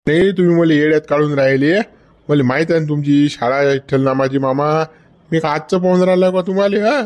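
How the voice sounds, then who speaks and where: A man, playing a hot-headed young village farmer in a comedy skit. He talks loudly and quarrelsomely and keeps tacking on a demanding "huh?". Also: fairly high pitch, a little fast, lightly acted. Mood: angry.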